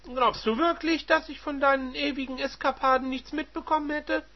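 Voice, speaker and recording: A man voicing a furious, humiliated middle-aged wife who shouts shrill accusations, on a dull lo-fi recording. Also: fairly even intonation, moderate pace. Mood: accusing.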